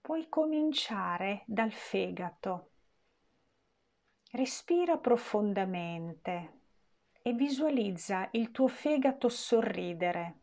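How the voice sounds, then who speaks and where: A woman leading a guided meditation in a gentle, soothing voice with long pauses. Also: medium pitch, animated.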